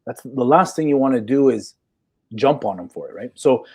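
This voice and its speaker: A man's voice: mid-range voice, expressive, normal speed, a little mellow, breathy edge. A man in his forties, a psychologist in a live chat, talking assertively and checking in with "okay?" as he explains. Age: 40s. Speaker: guest psychologist.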